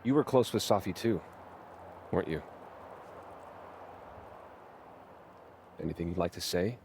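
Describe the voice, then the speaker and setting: A pompous literature professor. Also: male voice, deep voice, fast talker, darkish tone, a little hiss or hum. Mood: curt. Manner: lofty, lecturing, self-important. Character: pompous middle-aged male literature professor. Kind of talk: video game voice acting.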